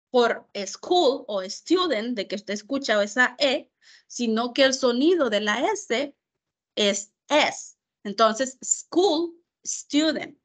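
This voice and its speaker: Slow-speaking Spanish-speaking woman teacher. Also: on the high side, fairly bright tone. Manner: slow, careful, repeats words to model pronunciation. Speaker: English teacher. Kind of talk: online class explanation.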